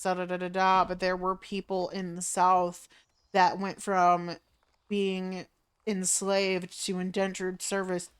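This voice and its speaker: A woman's voice: fairly low pitch, smooth. A woman hosting a game livestream, talking casually in a monologue to her viewers.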